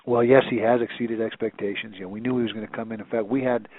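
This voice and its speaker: Over a tinny phone line, a college football head coach answers reporters' questions on a teleconference. His fairly low voice moves fast with fairly even intonation. He rambles, with many restarts and fillers.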